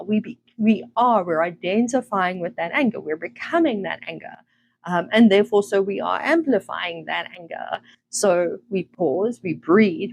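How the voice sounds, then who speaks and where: Calm woman giving a self-help talk. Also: mid-range voice, slight background noise. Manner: gentle, conversational, with many fillers and restarts. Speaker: self-development podcast host. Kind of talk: reflective teaching monologue.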